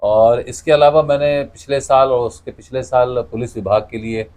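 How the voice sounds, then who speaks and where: Here an interview guest, a middle-aged cartoonist who is also a radio announcer, responds at normal speed in a mid-range, darkish voice with fairly even intonation. He explains conversationally, leaning on anecdotes that include quoted dialogue.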